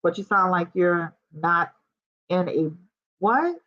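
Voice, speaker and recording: A woman's voice: fairly low pitch, animated, slow pace. A woman doing a livestream tarot reading, chatting straight to her viewers, with muffled, boxy sound as if she were speaking from inside a box. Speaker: tarot reader livestreaming to a chat. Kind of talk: casual livestream chat. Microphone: laptop or computer mic with audio trouble.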